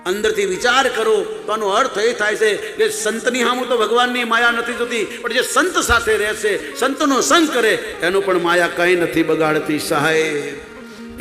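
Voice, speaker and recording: A man's voice: high-pitched, sharp tone. A man telling a devotional story as a sermon, exhorting listeners emphatically. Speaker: religious storyteller. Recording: echoey hall with faint music.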